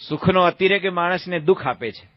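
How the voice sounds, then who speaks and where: A man giving a humorous sermon as a monk, telling a folksy story and acting out shouted calls and quoted voices. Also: sits high, fairly quick, no echo, highs cut off. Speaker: monk giving a religious discourse.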